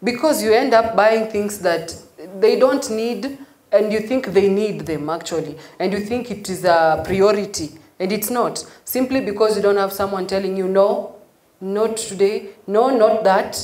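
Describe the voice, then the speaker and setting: A woman with a Kenyan accent hosts an interview in a conversational style. Her voice sits at a middle pitch, and the room around it is clearly echoey. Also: normal speed, darkish tone. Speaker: interviewer, host.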